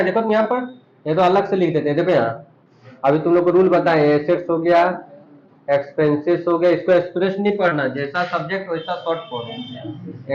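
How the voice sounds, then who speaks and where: Man teaching accounts in an echoey room. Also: high voice. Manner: explains terms and quizzes students with repeated questions. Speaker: commerce teacher. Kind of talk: classroom lesson. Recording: dull echoey room recording.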